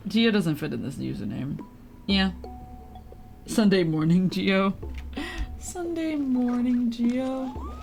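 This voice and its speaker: A woman livestreams a video game with game music and sounds playing behind her. She chats casually and playfully with viewers in informal slang, with some swearing. Her mid-range, gravelly, slightly mellow voice moves slowly with lively intonation and long pauses.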